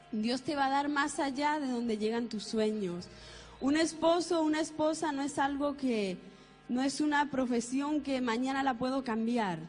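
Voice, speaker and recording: A woman's voice: high-pitched, big-room sound, poor audio. A woman pastor earnestly exhorting young people in a preaching style. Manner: earnest, addresses the young directly.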